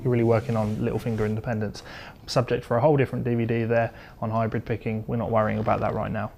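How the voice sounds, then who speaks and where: This guitar teacher talks very fast in a low, creaky voice with little pitch movement. He walks through the lesson step by step in a conversational, instructional way, with guitar, electric or acoustic, playing in the background.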